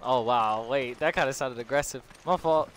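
A man's voice: mid-range voice, normal speed, a little hiss or hum. A man teasing his teammate and laughing, apologizing often while playing a co-op game. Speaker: gamer playing co-op. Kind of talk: casual gaming commentary.

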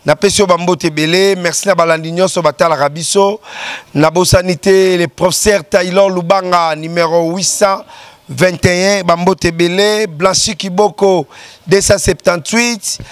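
High-voiced man giving closing thanks. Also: dry recording. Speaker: show host. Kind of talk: closing thanks and shout-outs.

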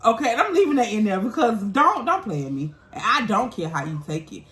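A woman's voice: fairly high pitch, very animated, a little fast, a bit bright. A woman in her thirties chatting casually as a vlogger, blunt and emphatic, sassy in how she answers viewer comments. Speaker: vlogger and mukbang host. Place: indoors, small bare-walled room at home. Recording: roomy echo, faint background noise.

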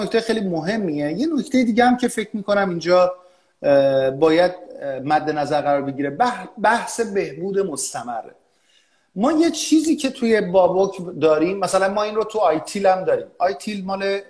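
A man with a notably high voice explains business analysis as an expert guest in an interview. He talks in a lecturing way and often pauses on hesitant fillers. His voice rings around an echoey room.

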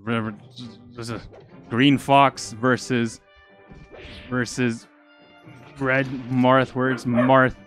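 Young man, esports commentator, out of breath, excitable, stumbling, faint music behind. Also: medium pitch. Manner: excitable, rapid, stumbling over words. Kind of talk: live game commentary.

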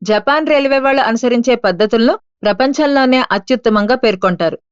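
A woman reading an audiobook aloud in a steady, measured manner. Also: a little high, clean tone, dry recording, highs cut off. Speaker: audiobook narrator. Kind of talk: scripted audiobook narration.

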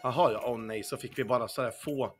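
A young man with a mid-range voice and fairly even intonation streams casino games and chats casually. He answers viewers as he plays, swears often and hums to faint music playing behind him.

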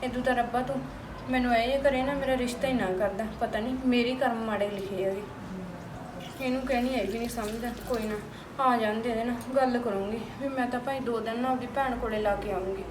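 A woman's voice: sits high, lightly acted. A woman playing a fed-up young daughter-in-law who complains about her household, speaking. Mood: weary lament. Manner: complaining, rapid arguing. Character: fed-up young wife, quarrelsome then weary. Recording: echoey room from a far mic, noisy.

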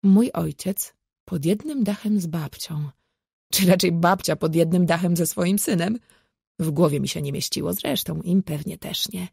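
A woman's voice: lowish voice, gravelly, dark tone, slightly rough, no room sound. A woman narrating a first-person audiobook in a wry, dry storytelling manner.

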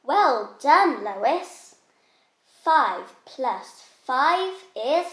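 A woman plays a patient teacher in a children's classroom skit. She speaks very slowly and clearly in a high voice, with moments of mock strictness. The recording has a roomy echo. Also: very animated, a bit bright. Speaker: co-host playing a teacher.

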